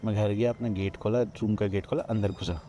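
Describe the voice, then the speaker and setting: A man's voice: fairly low pitch, fairly even intonation, fairly quick, mellow, slight background noise. A man from Odisha, a podcast guest, retelling a personal ghost story with many quoted lines of dialogue, recorded outdoors at a riverside ghat. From Odisha, India.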